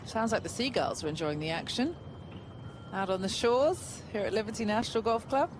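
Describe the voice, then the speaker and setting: A woman's voice: mid-range voice, expressive, moderate pace, noisy background. A woman leading live golf commentary, describing the play as it unfolds. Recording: loud outdoor broadcast ambience. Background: loud outdoor golf course ambience.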